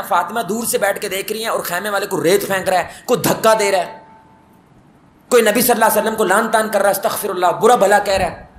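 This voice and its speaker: In a reverberant mosque hall, a man with a high, fairly bright voice delivers a sermon, telling stories and posing questions to his listeners as he builds to emphatic peaks. A little hiss or hum is audible in the recording.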